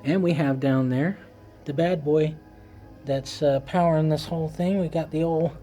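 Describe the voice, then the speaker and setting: Toothless man rambling, mellow voice. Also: fairly high pitch, fairly even intonation, normal speed, soft background music. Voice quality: toothless, slightly slurred speech. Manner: wry, self-deprecating, irreverent. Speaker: home audio reviewer. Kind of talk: casual rambling gear review.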